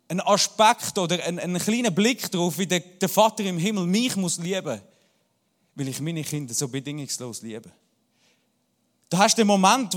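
A man in his thirties with a Swiss German accent, preaching a church sermon full of personal anecdotes and humor. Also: high-pitched. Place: church hall. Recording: long hall reverb.

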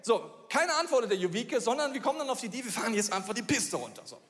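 A man from Bavaria preaching, telling a funny personal story in a lively, animated way. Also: very high-pitched, fast talker. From Bavaria, Germany. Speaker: pastor. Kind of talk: sermon with a storytelling style. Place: church hall. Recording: reverberant church hall.

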